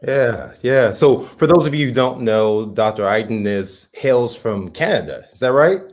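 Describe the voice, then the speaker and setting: Co-hosting an interview show, this man talks in a mid-range, animated voice at a slightly slow pace. The conversation is casual, and he's enthusiastic and chatty, quick to laugh.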